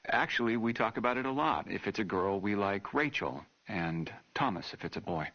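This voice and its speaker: An actor playing a gentle, hesitant American doctor conducting a taped interview in a game. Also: male voice, fairly low pitch, animated, measured pace. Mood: gentle, careful. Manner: soothing, hesitant. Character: gentle, tactful young medical doctor. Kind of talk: dramatic game voice acting as a taped police interview. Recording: dull, muffled old tape recording.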